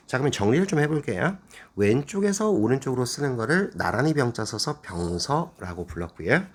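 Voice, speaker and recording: A male Korean language teacher giving a lecture, explaining step by step and asking the class questions. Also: slightly rough. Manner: lively, animated pitch.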